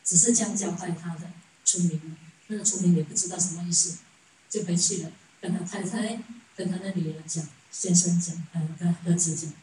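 Woman dharma teacher telling a story, soft chuckles, far off mic, roomy echo. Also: fairly low pitch, fairly even intonation, a little fast, slight background noise. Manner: chuckles often, asks rhetorical questions. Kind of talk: storytelling sermon. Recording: echoey room, distant mic.

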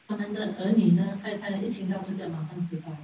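A woman's voice: mid-range voice, steady tone, quick pace, warm tone, a little hiss or hum. A woman giving a Buddhist sermon as a story, chuckling often and asking rhetorical questions. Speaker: Buddhist dharma teacher. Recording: echoey room, distant mic.

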